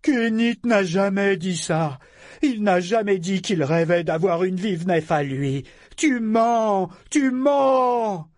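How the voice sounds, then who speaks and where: A man's voice: high-pitched, sing-song, takes it slowly, a little mellow, dry recording, studio quality, voice pushed up, full character voice. A man voicing a living wooden ship figurehead that speaks like a frightened, defiant little boy, in a childlike, pleading yet aggressive way. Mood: furious.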